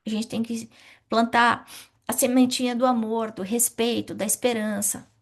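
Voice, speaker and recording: A middle-aged woman teaching a spiritist study class, asking questions and answering them herself in a lively way. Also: a little high, moderate pace.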